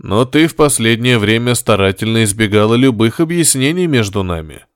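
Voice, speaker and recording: A man voicing a nervous, hurt male officer who speaks low, tense and reproachful. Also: animated, brisk, clean tone, no echo, clean studio sound, lightly acted.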